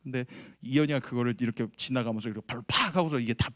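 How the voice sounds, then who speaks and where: A man in his thirties preaching a lively sermon to middle schoolers, telling a family story and asking the audience questions. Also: medium pitch, racing, no echo, clean studio sound. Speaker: youth pastor. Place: church sanctuary.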